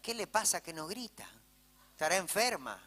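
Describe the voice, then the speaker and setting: His voice sits high with big pitch swings, pushed and bright, at a moderate pace. This male pastor, speaking with an Argentine accent, tells stories in a conversational sermon and regularly checks in with the congregation by asking "¿sí?", with reverb from the church hall.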